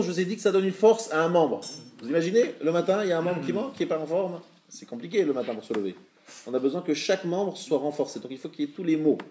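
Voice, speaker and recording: A man teaching a live religious class, explaining patiently, checking with his students and sounding out words slowly to show them. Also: a little high, warm tone.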